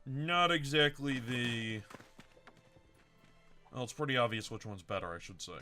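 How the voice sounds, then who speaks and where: A man's voice: medium pitch, expressive, unhurried, bright, forceful tone, soft background music. A man hosting a let's-play video, casually thinking aloud and correcting himself as he plans his moves. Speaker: game commentator.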